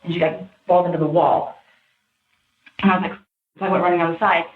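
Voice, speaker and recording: Woman, witness in police interview, animated, pressured talk, lowish voice, echoey room, tinny lo-fi sound. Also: a little fast. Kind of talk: recounting events to detectives.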